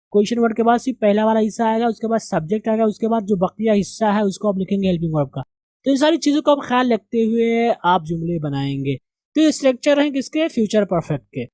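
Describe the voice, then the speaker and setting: A man teaches an English classroom lesson, slowly and deliberately drilling the pronunciation of words. His voice is high and mellow, in a dry recording.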